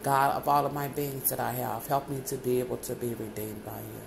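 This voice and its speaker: In a brisk, gravelly, medium-pitched voice with fairly even intonation, a speaker rambles through a long spoken prayer, repeatedly calling out "Lord God" between loose phrases. There is background noise.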